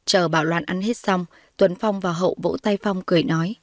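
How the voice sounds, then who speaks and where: A woman's voice: fairly low pitch, fairly even intonation, fairly quick, no echo. Woman narrating a story, dry close sound. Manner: reads all the characters' lines in her own voice, rising when characters shout. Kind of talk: scripted narration with voiced dialogue.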